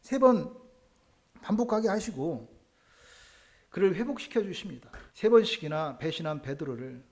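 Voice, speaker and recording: A male pastor preaching a Sunday sermon, building to emphatic swells and dropping back to soft, quiet phrases. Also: high-pitched. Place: church sanctuary.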